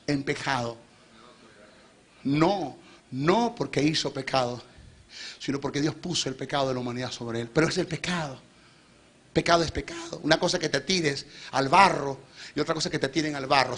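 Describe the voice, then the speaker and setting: Venezuelan preacher guy, fairly high bright voice, swings from shouting to hushed asides. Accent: Venezuelan Spanish. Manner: theatrical, switches between shouting and low asides, acts out devil and God. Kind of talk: sermon.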